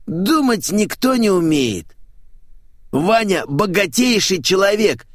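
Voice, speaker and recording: A man voicing a loud, flamboyant man who dresses like a parrot, brash and slangy, in an audiobook. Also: sits high, big pitch swings, no room sound, clean studio sound, voice pushed up, exaggerated voice. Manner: brash, slangy, drawn-out exclamations. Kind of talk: audiobook character voice.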